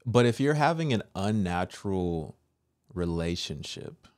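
A man's voice: low voice, lively intonation, a little slow, a little mellow. A man in his thirties giving preachy reaction commentary into a close microphone, with rhetorical questions. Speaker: reaction video host. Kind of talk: commentary on a played video. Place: small indoor room. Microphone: close desk microphone with headphones.

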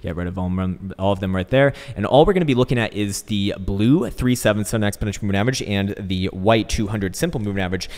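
Recorded in an untreated, echoey room that resembles a warehouse, a man rambles through crypto market commentary with crude jokes and slang. His voice is fairly low with a darkish tone.

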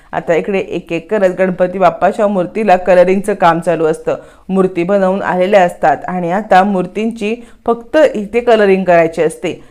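A woman narrating a recap of a TV serial episode as a lively story, voicing the characters' quotes. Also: fairly low pitch. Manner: lively retelling with voiced quotes.

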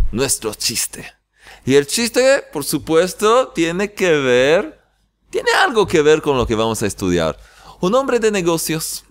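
A man teaching a weekly religious lesson, telling a joke with lively, laughing delivery. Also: medium pitch, clean tone. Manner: animated storyteller, laughing at his own joke. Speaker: rabbi teacher. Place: yeshiva in Jerusalem.

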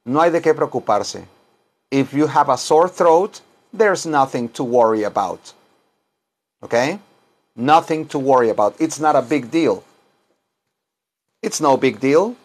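A middle-aged man of medium pitch speaks slowly and animatedly, pausing often, as he teaches an informal English lesson in Spanish and English. An English teacher and self-styled chaplain, he repeats phrases and dictates them word by word in a small wood-paneled room.

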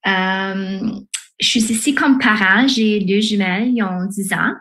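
Slow-speaking woman from Sudbury. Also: medium pitch, fairly bright tone. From Sudbury, Ontario. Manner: careful, with fillers. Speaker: parent on a committee. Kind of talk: committee introduction on a video call. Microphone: video call.

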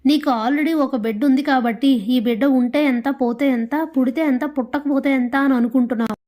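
A bitter mother-in-law, put on by a woman narrator, hurls sharp accusations at her family. The voice stays high and light, and it carries the feel of a TV serial recap. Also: steady tone, brisk. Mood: scolding. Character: angry scolding older mother-in-law.

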